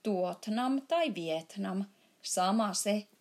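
Voiced by a woman, the big friendly giant rumbles through the story with lively intonation, stumbling over his words. His grammar comes out jumbled, his mood is booming and muddled yet good-natured, and he bursts into sudden shouts.

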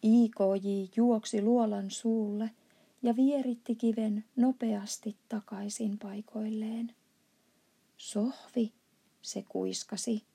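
A woman reading a storybook aloud as narrator, often in a hushed half-whisper. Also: a little high, flat delivery, gravelly, husky.

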